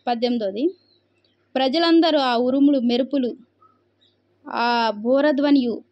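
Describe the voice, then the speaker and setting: A woman's voice: high-pitched, a little slow, dull audio. A woman preacher reading scripture aloud and explaining it, asking rhetorical questions and answering them herself. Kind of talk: Bible reading and sermon.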